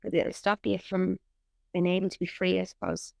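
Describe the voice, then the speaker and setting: A woman's voice: on the low side, little pitch movement, moderate pace, vocal fry, no echo, clean studio sound. A woman, an actor and writer, chatting candidly in an interview and swearing freely. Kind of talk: casual interview chat.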